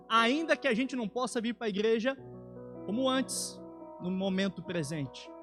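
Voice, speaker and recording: A man's voice: high voice, fairly bright tone. A man with a Brazilian Portuguese accent preaching a sermon in a church, earnest and rising to emphatic peaks.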